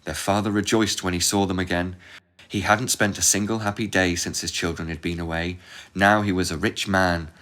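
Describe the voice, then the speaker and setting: A man narrates a fairy tale in a calm, measured reading voice. His pitch sits very low for a man. The delivery is steady, scripted storytelling.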